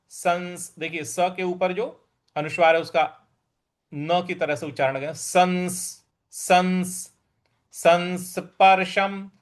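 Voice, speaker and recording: A man with a notably high voice leads a scripture recitation lesson. He chants the verses in a drawn-out way, then steps through how each syllable is pronounced. His overall delivery is slow and measured. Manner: chants verses slowly, then explains pronunciation briskly. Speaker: scripture teacher.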